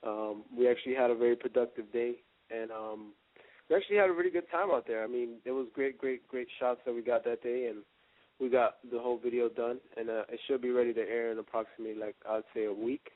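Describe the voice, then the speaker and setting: A Dominican rapper in his early twenties chats casually as an interview guest over a phone line. He talks fast at a medium pitch with fairly even intonation. The recording has no echo but sounds tinny and narrow.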